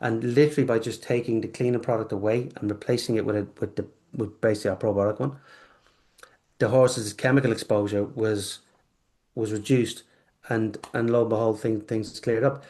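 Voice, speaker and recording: A man's voice: fairly low pitch, fairly even intonation, brisk, dark tone. A man from the UK, a company guest in a casual interview, talking with many restarts and fillers. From United Kingdom.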